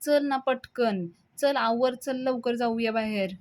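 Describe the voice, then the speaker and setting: A woman's voice: on the high side, slow pace, darkish tone. A woman voicing a pleading, reassuring elder brother who coaxes the others, in a retold serial episode. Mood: coaxing. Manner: coaxing, persuasive.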